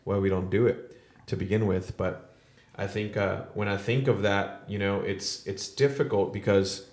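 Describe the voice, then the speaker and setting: Low-voiced reflective man in an echoey room. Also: steady tone, normal speed, darkish tone. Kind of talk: casual, reflective discussion. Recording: roomy, echoey sound.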